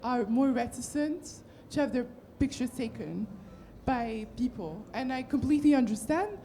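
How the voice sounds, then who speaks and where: A woman's voice: on the high side, animated, normal speed, mellow, a little hiss or hum. Polite woman asking from the audience. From Morocco. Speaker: audience member asking a question. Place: café event room.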